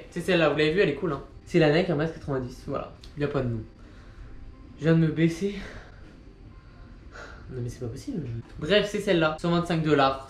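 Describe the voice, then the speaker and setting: Pitched fairly high, a twenties-aged man talks sneakers in a relaxed, rambling vlog full of jokes at his own expense. Machine noise and gentle music fill the echoey indoor space where he records.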